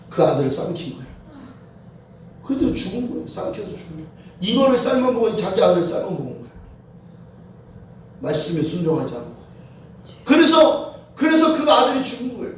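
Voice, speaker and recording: A woman preaching a sermon, moving between fervent shouted prayer and quiet storytelling. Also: fairly low pitch, slight background noise. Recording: echoey hall heard from a distance.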